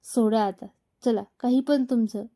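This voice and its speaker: A woman's voice: fairly high pitch, steady tone, unhurried, dark tone. A woman voicing a shy young wife in a read-aloud story, bashful and coy.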